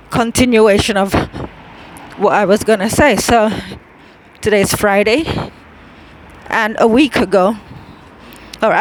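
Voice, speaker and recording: A woman vlogs into her phone while walking outdoors, slightly breathless. Her talk is slow and unhurried, full of fillers and restarts. Faint traffic hum sits behind her. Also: a little high, rough recording. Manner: rambling, with many fillers and restarts. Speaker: vlogger. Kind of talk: casual chat while walking.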